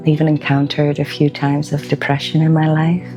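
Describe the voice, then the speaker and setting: A woman in her forties from Belgium, a wellbeing practitioner speaking slowly and gently in a reflective documentary voice-over, with pauses between thoughts. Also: deep voice, completely flat delivery. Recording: voice-over with music underneath. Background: music.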